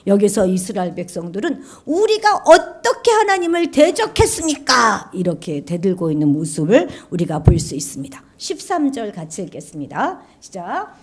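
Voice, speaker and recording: A woman pastor preaching a sermon in a church, animated and often asking the congregation questions. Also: on the low side, brisk, hardly any pauses, breathy edge. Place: church sanctuary.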